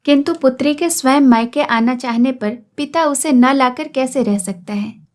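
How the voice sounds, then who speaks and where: A woman storyteller reading a classic story aloud in a steady, measured narration. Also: sits high.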